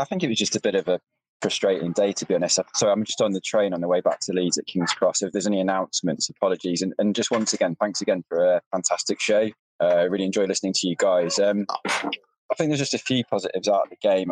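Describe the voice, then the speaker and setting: A man's voice: low-pitched, fast, darkish tone, a little hiss or hum, poor audio. A British man calling in to a football show as a fan, giving his opinions casually and politely.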